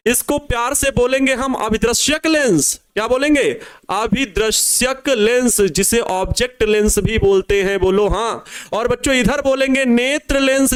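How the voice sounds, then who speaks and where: A young man teaching physics in a board exam crash course, repeating key phrases slowly for students to write down and coaxing them with casual asides. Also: very high-pitched, clean tone. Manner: casual asides calling students babua and babu.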